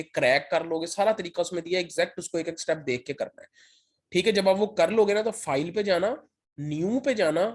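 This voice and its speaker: A man gives a step-by-step software tutorial as a lecturer. He keeps checking in with his students as he goes. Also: on the high side. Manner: step-by-step, repeats "ठीक है" to check in. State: sore throat, occasional cough. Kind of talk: screen-share software tutorial.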